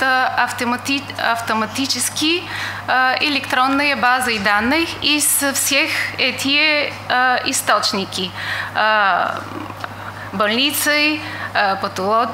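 Halting, bright-voiced woman with foreign accent. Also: sits high. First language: not a native Russian speaker. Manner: halting, frequent hesitations. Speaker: conference lecturer. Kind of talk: slide lecture. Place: indoor lecture room. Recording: echoey room with faint hiss.

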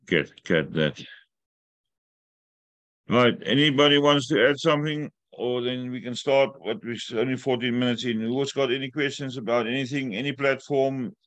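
Calling in from a room at home, a middle-aged man who isn't a native English speaker hosts a weekly update call in a fairly low, dry voice with no echo. Talkative and joking, he banters with the group in casual chat, then explains the steps at length in an instructive way.

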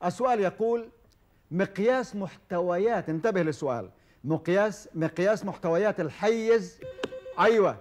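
A man hosting a televised quiz show, formal and measured, with frequent hesitation fillers. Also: high-pitched, expressive, darkish tone, faint music behind. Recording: old television broadcast recording.

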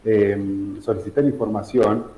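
A middle-aged man from San Juan, Argentina, explaining his charity's work in a remote news interview, measured and full of fillers. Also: lowish voice, fairly even intonation, dark tone. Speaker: charity director guest. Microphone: video call. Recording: echoey room, dull video-call audio.

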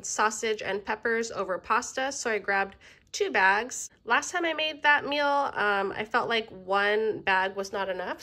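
Woman, 30s, home vlogger, bright and even-pitched, casual and friendly, a touch under the weather, recorded on a phone over a kitchen table. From Filipino family. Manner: relaxed, friendly, frequent "um" fillers. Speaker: vlogger showing a grocery haul. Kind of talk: casual chatty haul commentary.

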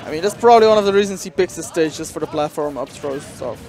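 A man's voice: on the high side, expressive, quick pace, crowd noise. Man doing casual color commentary over music. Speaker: esports co-commentator. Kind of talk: live game commentary.

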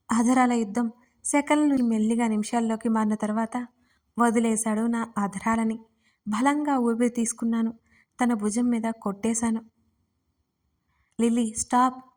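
A woman narrating her own first-person romance story in a steady, intimate reading. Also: a little high, normal speed. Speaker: writer and narrator.

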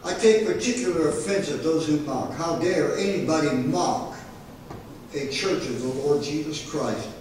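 A man preaching a folksy, emphatic sermon from the pulpit, his voice sitting on the high side. The sound comes from a distant mic in a strongly echoing sanctuary, with a faint hiss underneath. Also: moderate pace, darkish tone. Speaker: pastor. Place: church sanctuary. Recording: echoey sanctuary, mic far off.

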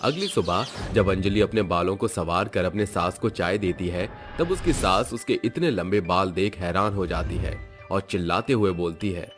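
A man narrating an animated family story in a steady storytelling manner. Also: low voice, moderate pace, few pauses, faint music behind.

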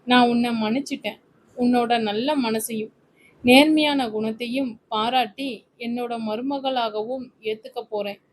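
A firm, kindly older man gives advice to his future daughter-in-law, read by a woman. The voice sits fairly high and even. It is a Tamil serial story read aloud. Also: a little slow, slight background noise, close to an everyday voice, rough recording. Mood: stern. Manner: firm, advising.

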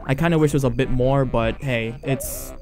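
A man giving casual gameplay commentary as a let's play host, rambling and halting with many fillers and restarts. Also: mid-range voice, music in the background.

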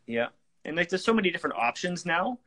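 Middle-aged male host, easygoing and agreeable, voice a touch higher than average, webcam sound. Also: sing-song, fast talker, pushed and bright. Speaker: show host, renovation company. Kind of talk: casual interview talk. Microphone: video call webcam.

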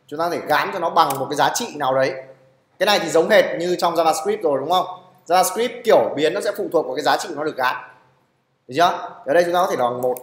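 In an echoey classroom, a man with a fairly high, slightly bright voice delivers a live programming lesson. He repeatedly stops to ask his students "được chưa?".

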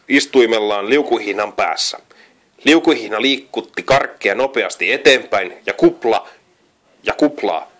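A man's voice: lowish voice, fairly bright tone. Man reading a children's story aloud. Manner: frequent slips and self-corrections while reading. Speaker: reader.

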